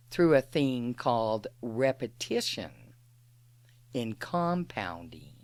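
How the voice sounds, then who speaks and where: Slow, calm woman presenter. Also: extremely low pitch, no echo. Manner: slow, deliberate, with long pauses. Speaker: guided imagery presenter.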